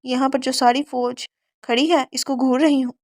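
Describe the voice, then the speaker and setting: A woman's voice: high-pitched, level tone, no echo, studio quality, lightly acted. A woman voicing a childish, sulky young bride in an audiobook romance, whiny and dreamy.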